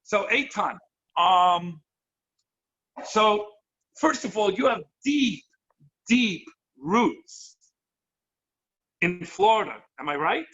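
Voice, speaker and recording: A man hosting as a rabbi over a video call, effusive and excitable, jumping between thoughts. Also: sits high, drawn-out words, long pauses, slightly rough. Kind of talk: enthusiastic hosting. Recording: muffled lo-fi online call audio.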